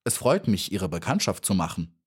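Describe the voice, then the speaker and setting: A man's voice: deep voice, very animated, normal speed, breathy edge, exaggerated voice. A man voicing a polite, shy little female honeybee in a storybook reading, earnest and well-mannered. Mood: polite, eager.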